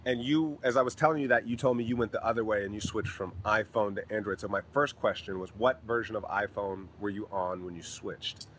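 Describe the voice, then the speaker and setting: A man hosting a casual podcast, a stand-up comic who talks in a relaxed way with lots of "uh" fillers. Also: fairly low pitch, a little fast, few pauses, a little hiss or hum.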